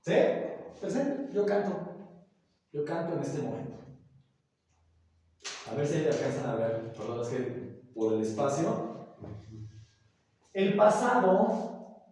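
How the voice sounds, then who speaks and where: Teacher in an echoey classroom. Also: male voice, a little high, sing-song, slow pace, pauses often, a little mellow. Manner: explanatory, often checks in with the class. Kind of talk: classroom grammar lesson. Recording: very echoey room, voice from far off.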